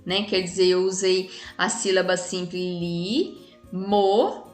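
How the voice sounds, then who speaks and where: A woman's voice: fairly low pitch, steady tone, slow pace. A woman teacher with a Brazilian Portuguese accent, explaining a lesson casually to children and often checking with tag questions. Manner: chatty, frequent tag questions. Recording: echoey room with faint music.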